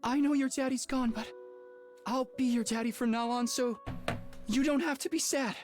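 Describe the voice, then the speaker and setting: A woman's voice: high voice, steady tone, moderate pace, a little mellow, faint music behind, close to an everyday voice. A woman playing a small, protective boy in an anime game dub, with an earnest, determined and tender hero's delivery.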